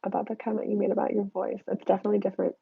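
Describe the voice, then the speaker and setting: A woman's voice: mid-range voice, flat delivery, very fast, vocal fry, slightly rough, no room sound, phone-quality sound. A young American woman answering viewer questions on a casual live stream, congested and nasal from allergies, chatty and candid as she reads out comments. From United States. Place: home desk.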